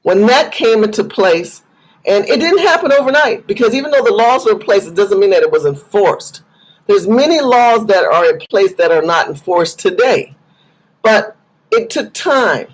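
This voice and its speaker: A woman from the United States speaks straight to her audience in a fervent, lecturing commentary, repeating phrases for weight. Her voice has a husky, slightly rough edge, and she sits at a middling pitch for a woman. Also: expressive, normal speed, poor audio. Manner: emphatic, repetitive, lecturing the viewer. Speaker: political commentator vlogger. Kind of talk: impassioned direct-to-camera commentary.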